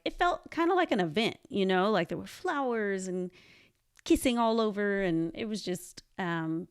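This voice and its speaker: A woman's voice: on the low side, clean tone, dry recording, studio quality. Candid, chatty woman podcast host. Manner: candid, chatty, acts out quoted voices. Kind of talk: personal solo podcast monologue.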